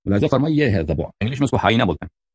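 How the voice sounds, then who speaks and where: In a dry recording, a middle-aged religious debater lectures in a lowish, sing-song voice that is a little mellow and husky. He reads out Arabic book titles and explains them in Urdu, putting questions to his listeners in a mocking way.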